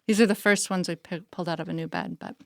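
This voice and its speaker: Low gravelly woman chatting casually. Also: fairly even intonation, fast. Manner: chatty and explanatory, many "you know" fillers. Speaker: flower farmer guest. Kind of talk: casual interview chat.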